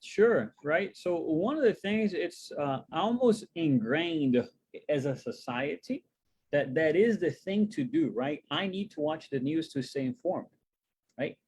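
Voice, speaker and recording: Brief: man from Brazil, co-host, casual webinar chat, husky edge, animated, rhetorical questions. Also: unhurried. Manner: animated, rising pitch on rhetorical questions, many fillers. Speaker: co-host, wealth coach.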